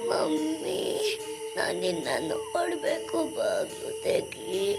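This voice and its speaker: A man's voice: very high voice, sing-song, a little slow, gravelly, exaggerated voice. A child actor playing the spirit of a lost young boy who pleads and cries for his mother. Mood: pleading tearful. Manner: pleading, weepy, whispery. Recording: with loud music behind.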